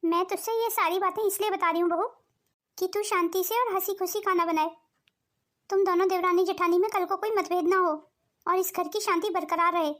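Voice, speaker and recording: Woman voicing a patient old mother-in-law, high. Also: steady tone, brisk, fairly bright tone. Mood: soothing. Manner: soothing, pleading. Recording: faint music underneath.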